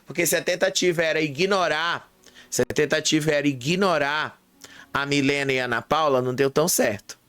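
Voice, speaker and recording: A man's voice: fairly high pitch, a little fast, fairly bright tone, clean tone, no echo. A man casually recapping reality show gossip, chaining events together and checking in with the listener. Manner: chatty, strings events with "aí" and checks in with "tá?".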